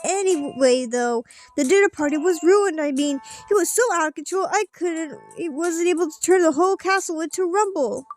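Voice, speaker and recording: High-voiced woman reading game dialogue aloud. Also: normal speed, hardly any pauses, a little mellow, soft background music. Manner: theatrical, acting out character lines. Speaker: let's play streamer.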